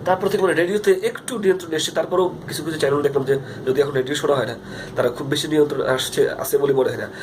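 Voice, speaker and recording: Fast-talking Bangladeshi man on a phone vlog. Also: a little high, steady tone, background noise. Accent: Bangladeshi Bengali. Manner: earnest, rambling with frequent fillers and restarts. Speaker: vlogger. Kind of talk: casual video diary monologue. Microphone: phone front camera.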